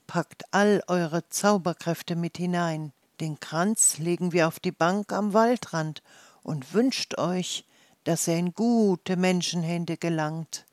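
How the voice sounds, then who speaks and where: A kindly storybook forest fairy, put on by the reader, speaking softly and slowly in a half-whisper. The voice sits a little higher than the narration, gentle and soothing, and the recording is close and dry. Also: dry recording, close to an everyday voice. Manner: soft, murmuring and half-whispered.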